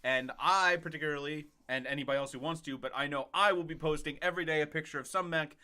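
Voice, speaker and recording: A man with a bright, forceful, somewhat high voice chats casually as a podcast co-host. He is jokey and excitable and laughs often. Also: quick pace. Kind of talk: casual chat.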